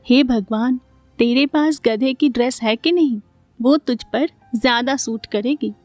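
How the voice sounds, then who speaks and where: A woman's voice: fairly high pitch, measured pace, warm tone, no echo, faint music behind, close to an everyday voice. A woman voicing a dramatic, scheming mother-in-law who talks theatrically and often sounds exasperated.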